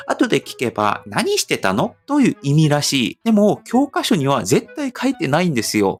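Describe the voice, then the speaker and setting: Young man, lively rising and falling pitch, raised voice, scripted vlog narration, soft music behind. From Seoul, South Korea. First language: Korean. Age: young adult. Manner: animated storytelling, rhetorical lists. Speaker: vlogger.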